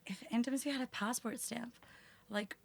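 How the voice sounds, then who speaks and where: A woman's voice: a little high, fairly even intonation, moderate pace, gravelly. A woman guest on a podcast, chatting casually and bluntly, laughing often and saying "like" a lot. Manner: blunt, laughing, full of likes. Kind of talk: casual chat.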